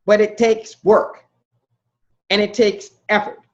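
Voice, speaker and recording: A woman's voice: medium pitch, little pitch movement, takes it slowly, darkish tone, lo-fi sound. A woman minister teaching a class, emphatic, posing questions to her listeners and repeating their answers back. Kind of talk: interactive spiritual lecture.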